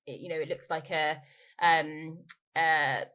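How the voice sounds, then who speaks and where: A company growth director appears as an expert interview guest, her voice a little lower than usual, steady, bright, and forceful. She speaks a little slowly and informally, often restating her point.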